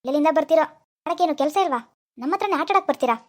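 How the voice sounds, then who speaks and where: An irritable, bossy pawnbroker voiced by a woman scolds a customer in a cartoon. The voice runs very high and rattles along at a breakneck pace. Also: animated, racing. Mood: scolding. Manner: scolding, impatient, threatening. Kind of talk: animated cartoon dialogue.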